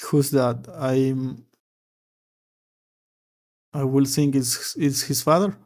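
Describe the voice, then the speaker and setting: A man's voice: mid-range voice, extremely slow, darkish tone. A man reading a manga aloud and commenting on it in a casual, hesitant way, often repeating words as he thinks.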